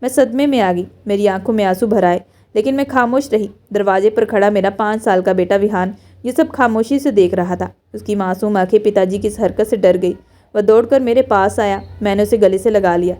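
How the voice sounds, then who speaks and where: A woman narrating a first-person emotional story in a soft, earnest, subdued way. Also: medium pitch, normal speed.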